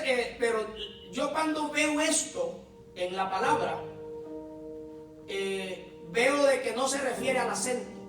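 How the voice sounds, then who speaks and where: A male pastor delivering a sermon, with dramatic pauses and acted-out quotes. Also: high voice. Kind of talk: Spanish-language sermon. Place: church sanctuary. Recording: very echoey church hall from far off, with music.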